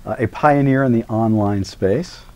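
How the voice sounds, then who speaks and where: A middle-aged man with a fairly low, darkish voice introduces a guest during a live university lecture at a moderate pace. His talk is chatty and wandering, with many fillers and self-mocking asides.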